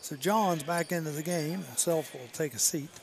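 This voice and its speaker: A man doing play-by-play commentary for a local high school basketball broadcast, joking between plays. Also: normal speed, a little hiss or hum. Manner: jokey, calls plays excitedly. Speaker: play-by-play announcer.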